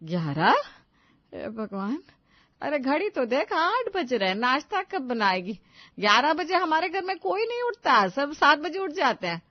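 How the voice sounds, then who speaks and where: A woman puts on a nagging older mother-in-law from a storybook, bossy and loud, scolding in shrill bursts. The voice sits fairly high. The recording is dull and lo-fi with a dry, close sound. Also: big pitch swings, a little slow, no room sound.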